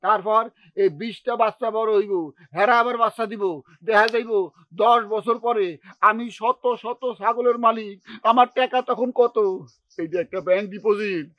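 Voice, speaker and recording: An actor playing a melodramatic, wheedling middle-aged brother-in-law in a TV drama, speaking in a colloquial dialect. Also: male voice, a little high, fairly even intonation, normal speed, long pauses, no echo, natural voice, rough recording. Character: sulking middle-aged brother-in-law, scheming and self-pitying. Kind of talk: TV drama acting.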